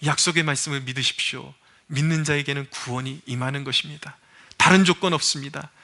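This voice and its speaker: A man preaches with fervent, exhorting urgency, his voice sitting high and cutting with a sharp, forceful edge. He keeps calling out directly to the congregation and pressing them toward a decision. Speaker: pastor. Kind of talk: sermon. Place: church service.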